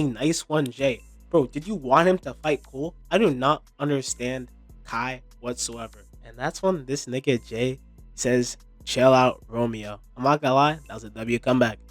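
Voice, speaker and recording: A man's voice: medium pitch, no echo. A young man giving casual recap commentary in a sarcastic, slangy, informal way. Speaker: video commentator.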